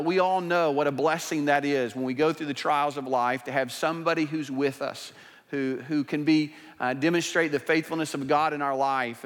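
A male pastor delivering a sermon with a high-pitched voice. He talks in a loose, conversational way, stumbling and restarting now and then and acting out short quotes. The sound carries a long reverb, as in a large church hall. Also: a bit bright. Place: church sanctuary.

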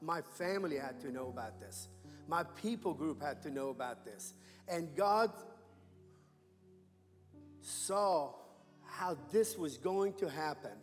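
A man delivers an emphatic testimony in a church sanctuary. His voice sits high and he speaks slowly. The room is echoey with faint music behind him. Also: expressive. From Iran. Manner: emphatic preacher, calls for amens. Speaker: guest missionary.

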